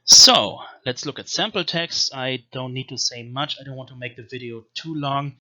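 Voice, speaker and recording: With a bright, forceful, medium-pitched voice, a man teaching languages walks through reading an ancient script in a video lecture, slowly spelling each syllable out. The recording has its high frequencies cut off.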